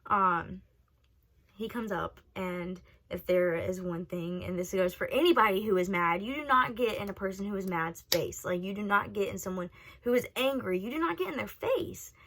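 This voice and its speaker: Young female vlogger, casual and profane, animated storyteller. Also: medium pitch, moderate pace. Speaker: vlogger telling a personal story.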